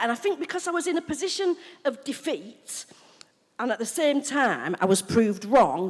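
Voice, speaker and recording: A woman with a British accent giving a frank, animated recovery testimony to a live audience, swearing freely and acting out her own past thoughts. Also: a little high. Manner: frank, animated storytelling with swearing and mock quotes of herself. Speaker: main speaker at a recovery convention. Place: large convention hall. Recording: long reverb of a large hall.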